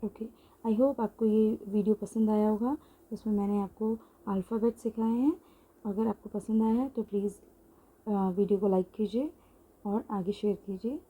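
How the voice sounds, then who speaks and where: A woman's voice: mid-range voice, steady tone, normal speed, breathy edge, narrow, tinny audio. A woman teaching an online language lesson, explaining patiently while writing things out and mixing in English phrases. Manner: writes on a board while explaining.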